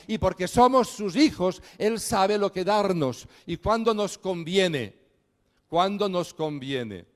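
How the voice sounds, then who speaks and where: A man preaching a sermon, building emphatic repeated phrases and slowing to stress key words. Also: a little high, in a large hall.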